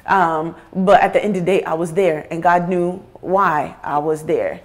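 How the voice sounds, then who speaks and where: Soft-spoken woman from Africa sharing her story. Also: on the low side, moderate pace. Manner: reflective, conversational, frequent "like" and "you know" fillers. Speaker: guest. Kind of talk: candid personal storytelling.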